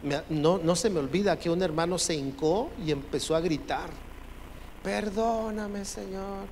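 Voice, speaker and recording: A man's voice: fairly high pitch, brisk, a little mellow. Man, pastor, emphatic sermon, urges listeners to repeat after him, lingering church reverb, faint background noise. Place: church sanctuary.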